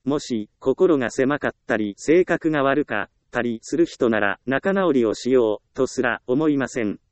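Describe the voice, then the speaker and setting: A man reads scripted self-help narration with a smooth, clear and resonant voice at a middle pitch. The sound is close and dry. His delivery stays steady, gentle and reassuring. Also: moderate pace, dry recording.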